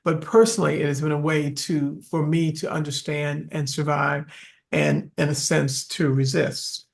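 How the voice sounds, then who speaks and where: A gravelly-voiced woman of fifty or older speaks on an academic panel over a video call. She talks in a reflective, unhurried way, pausing with small fillers as she works through her thoughts. Her voice has a lot of rough fry in it. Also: low voice, fairly even intonation. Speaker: professor on a webinar panel.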